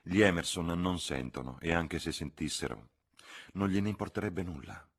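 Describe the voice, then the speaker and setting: A man voicing an earnest young woman who speaks quietly and levelly. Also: deep voice, moderate pace, breathy edge. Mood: reassuring.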